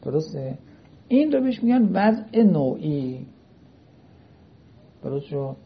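A man's voice: on the high side, very animated, slightly rough. A man teaching a lecture class in a seminary style, often asking whether his students follow. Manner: checks understanding with frequent questions. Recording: dull lo-fi recording.

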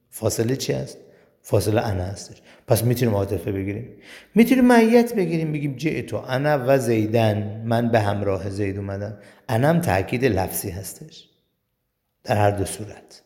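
A man's voice: medium pitch, darkish tone. A male teacher giving a grammar lesson, explaining step by step and asking and answering his own questions. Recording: long reverb in a hall.

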